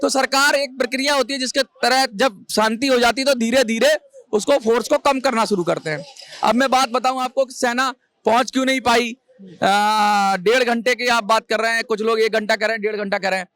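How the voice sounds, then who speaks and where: High-pitched male analyst explaining at length. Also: fairly quick, a bit bright. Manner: explains at length with restarts and stumbles. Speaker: guest analyst. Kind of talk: explanatory debate answer.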